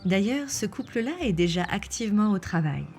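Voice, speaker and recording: A woman reading scripted nature documentary narration in a measured, explanatory way. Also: mid-range voice, animated, a little mellow. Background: background music.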